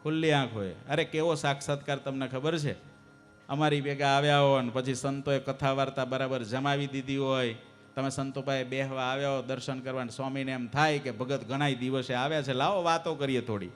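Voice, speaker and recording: A man preaching a devotional sermon to a live assembly, asking the audience questions and urging them to answer louder. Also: mid-range voice, level tone, brisk, soft background music. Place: temple assembly hall.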